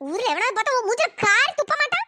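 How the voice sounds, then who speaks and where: A woman's voice: extremely high pitch, animated, racing, bright, forceful tone, a little hiss or hum, exaggerated voice. A woman voicing a furious, cursing old mother-in-law in a cartoon. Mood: furious scolding. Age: older. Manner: shrieking, cursing, scolding. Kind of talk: cartoon voice acting.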